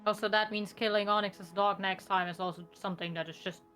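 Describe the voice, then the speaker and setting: A woman's voice: mid-range voice, steady tone, fairly quick, a bit bright, soft background music. Woman player chatting at a tabletop game. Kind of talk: casual game-table discussion.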